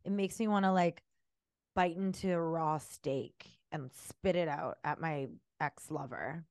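Lower-voiced woman, dramatic jokey co-host. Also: unhurried, darkish tone, dry recording, clean studio sound. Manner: dramatic, jokey, swears freely. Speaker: podcast co-host. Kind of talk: casual chat.

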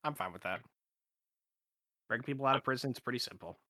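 Man, tabletop player, casual crude jokes, bright voice, dry sound. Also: mid-range voice, brisk, dry recording. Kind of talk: tabletop role-play chat. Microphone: home podcast mic.

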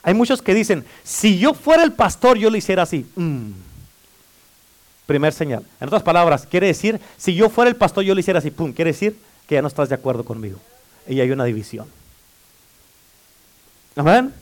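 A male pastor with a high-pitched voice delivers a lively sermon in church. He calls out for amens and playfully teases his listeners as he preaches. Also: brisk, pauses often. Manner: preaching with call-and-response amens; playful, teasing the congregation.

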